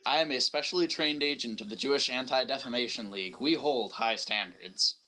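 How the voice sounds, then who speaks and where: A man playing in a tabletop game, trading jokes and deadpan declarations. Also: medium pitch, brisk, low-quality recording. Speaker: player. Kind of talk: casual tabletop game chat.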